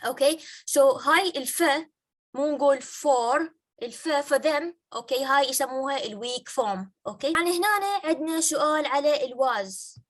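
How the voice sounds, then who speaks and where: High-voiced Iraqi woman teaching phonetics. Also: animated, fairly bright tone. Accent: Iraqi Arabic. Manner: checks in with frequent "okay?"; slows down and stretches out English example phrases. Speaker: university English phonetics lecturer. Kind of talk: bilingual lecture mixing Arabic and English.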